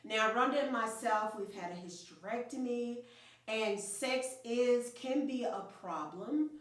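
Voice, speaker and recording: A woman's voice: on the high side, unhurried. A woman in her fifties hosting a casual chat with friends, upbeat and chatty. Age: 50s. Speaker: channel host. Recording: echoey room, voice from far off.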